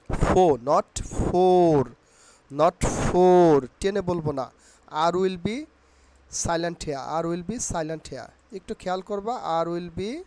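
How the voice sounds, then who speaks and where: Slow, patient Bangladeshi teacher. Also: male voice, high voice. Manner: slow, repeats each word several times, mixes in English. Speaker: English pronunciation teacher. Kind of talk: casual spoken lesson.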